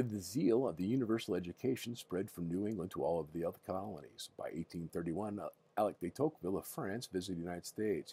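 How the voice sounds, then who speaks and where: An older man with a grandpa voice reads a history book aloud in a casual bedtime manner, halting now and then and rereading words he stumbles over. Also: on the low side, dark tone, no echo. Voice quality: husky grandpa voice.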